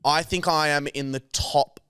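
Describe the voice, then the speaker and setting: A young Australian man co-hosting a podcast, telling boastful, animated stories in casual chat with plenty of swearing. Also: fairly high pitch, a little slow, smooth, dry recording, studio quality. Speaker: podcast co-host.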